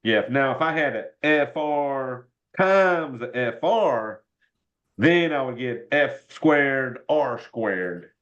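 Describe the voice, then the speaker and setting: A man's voice: mid-range voice, expressive, slow, fairly bright tone. A man with a Southern US accent teaching algebra informally in a folksy way, working through problems step by step. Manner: folksy, says y'all often. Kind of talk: informal worked-example math lesson. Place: indoors, online video class. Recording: dull lo-fi online class audio.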